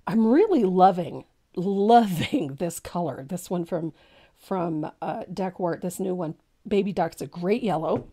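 A mellow, congested, gravelly-voiced woman in her sixties teaches painting on a live show from her indoor home craft studio, taking her time and speaking expressively. Warm-hearted and chatty, she laughs frequently and uses many ums, recorded on a studio mic on a boom arm.

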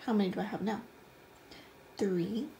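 A woman in her twenties, an elementary math teacher, teaches young children like a kids' show host, asking simple, encouraging questions. Her voice is a little high with lively intonation and a slow pace. She records indoors in a small room at home, with clear background noise and room ambience.

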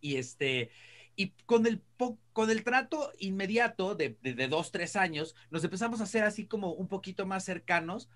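A middle-aged man with a Mexican accent chats casually and tells anecdotes as an entertainment show panelist, joining by video call from an indoor room on a video call mic. His voice is high-pitched and fairly bright, with lively intonation and a moderate pace.

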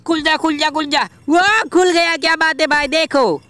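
A man's voice: extremely high pitch, dry recording. Shiva, a man doing a brash young game hero. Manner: brash, bossy, quick to shout threats. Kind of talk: playful gameplay voiceover dialogue.

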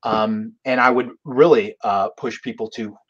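A man speaking as an advocacy guest, earnest and halting. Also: on the low side, steady tone, fairly bright tone. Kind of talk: interview answer. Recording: dull lo-fi remote audio.

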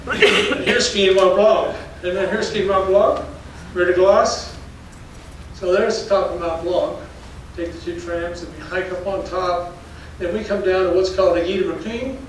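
An older geology professor with a high voice keeps a moderate pace through a public lecture told as a storytelling slide talk. Folksy and anecdotal, he chuckles between each story. He's heard in a darkened lecture hall with an audience, very echoey, via a distant mic with faint noise.

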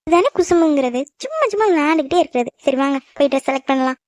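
Fast high Tamil-accented woman for a cartoon dub, sharp scolding delivery, dry close recording. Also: animated, no echo. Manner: scolding and teasing. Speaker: voice actor in a cartoon. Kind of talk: animated cartoon dub acting.

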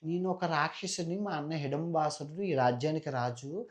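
A man's voice: fairly high pitch, moderate pace, close to an everyday voice. A man voicing a demoness in love who speaks in a sweet, coaxing voice. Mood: pleading.

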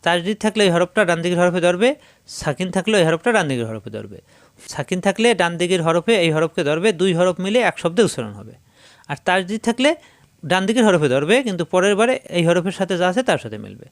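A man teaching Quran reading step by step, his voice sitting slightly high and recorded close and dry. He drills each syllable slowly and repeats it, pausing to explain how it is formed. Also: sing-song, no echo. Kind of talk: step-by-step recitation lesson.

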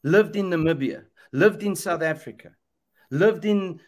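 A middle-aged Zambian man with a somewhat high, unhurried voice delivers impassioned preaching over a webcam video call from an indoor room. He leans on a preacher's emphasis, repeating phrases and posing rhetorical questions.

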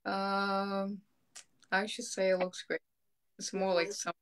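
A woman's voice: mid-range voice, little pitch movement, a little slow, clear, resonant tone. A young adult woman chatting casually on a video call. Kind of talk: casual chat. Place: indoors, joining by video call.

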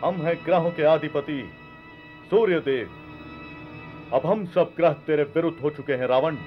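A man's voice: a little high, moderate pace, dull audio, faint music behind, natural voice. A man playing a stern sun god, lord of the planets, making grave, ominous proclamations in a mythological TV drama. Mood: grave warning.

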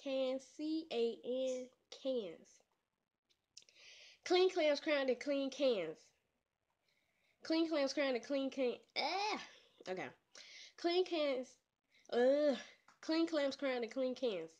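A woman's voice: sits high, expressive, slow, long pauses, a little mellow, lo-fi sound. A woman vlogger, attempting tongue twisters in a casual challenge video, playful and teasing. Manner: playful, trash-talking, laughs at her own slips.

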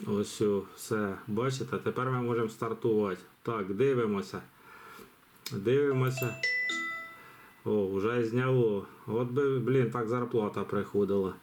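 A man's voice: on the low side, unhurried, darkish tone, soft background music. A man hosting a live giveaway on his channel, talking in a rambling, chatty way many fillers and restarts. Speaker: channel host running a giveaway. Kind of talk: casual live commentary.

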